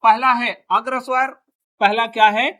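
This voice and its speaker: A man's voice: extremely high pitch, steady tone, unhurried, pushed and bright. A male teacher giving a classroom grammar lesson, asking his students question after question and repeating each answer back to them.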